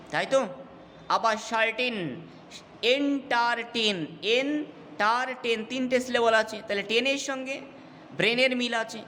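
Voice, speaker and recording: A man's voice: very high voice, pushed and bright. A man, teaching a poetry lesson and often stopping to check that students follow. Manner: explanatory, checks understanding with repeated questions. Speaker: English teacher. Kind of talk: classroom lecture on poetry. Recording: reverberant room with faint ambient noise.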